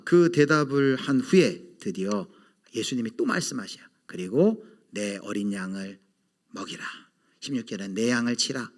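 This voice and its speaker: A middle-aged man preaching a sermon as pastor, swinging between loud bursts and hushed asides and putting rhetorical questions to the congregation. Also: medium pitch.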